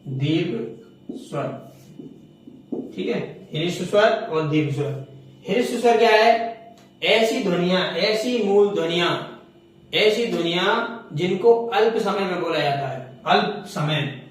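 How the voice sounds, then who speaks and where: A man teaching a Hindi grammar lesson. He asks questions and answers them himself, and he repeats the key terms. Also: sits high. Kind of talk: classroom lecture. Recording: echoey room, mic far off.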